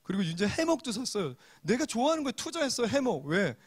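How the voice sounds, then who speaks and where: A male pastor giving a joking, lively sermon to young adults, acting out quotes with loud exclamations. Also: very high-pitched, quick pace, husky.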